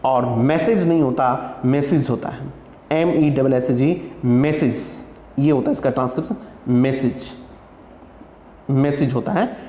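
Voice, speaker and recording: A man's voice: medium pitch, unhurried, dark tone, echoey room, in a large hall. A man with an Indian English accent giving an exam prep lecture, drilling word pronunciations by repeating each one several times. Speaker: teacher.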